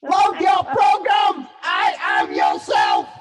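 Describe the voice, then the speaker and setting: A man producing a robot voice, a cold commanding computer with a mechanical, booming delivery. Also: huge pitch swings, slow, shouting, over a noisy crowd, very noisy, heavily acted. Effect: robot voice, vocoder-like.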